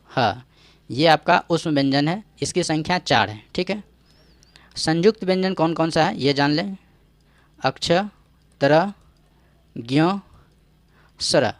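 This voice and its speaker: Man, grammar teacher, exam-prep lesson, fairly high voice, step-by-step explaining, dry close mic. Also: no room sound. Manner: explains step by step with frequent "ठीक है" check-ins; quizzes the viewer with rhetorical questions.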